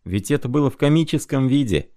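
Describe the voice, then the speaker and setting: A man voicing a tender, excitable young clerk. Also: mid-range voice, fast talker, no room sound, clean studio sound, voice pushed up, lightly acted. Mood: earnest.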